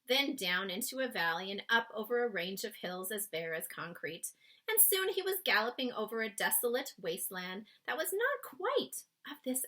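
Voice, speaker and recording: A woman with a medium-pitched, sharp voice reads a children's story aloud to young listeners, full of expression and dramatic pauses.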